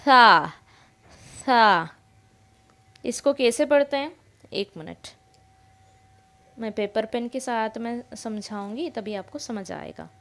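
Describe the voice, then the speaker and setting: A woman teaching Quran reading, who patiently explains each letter and recites slowly in long drawn-out sounds. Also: fairly high pitch, lively intonation, vocal fry, a little mellow, a little hiss or hum. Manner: explains step by step, often checks in. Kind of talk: patient spoken lesson.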